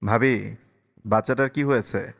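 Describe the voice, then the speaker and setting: A man's voice: fairly low pitch, unhurried, vocal fry, fairly bright tone. A man playing a grave, protective young uncle. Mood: earnest. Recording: long reverberant echo.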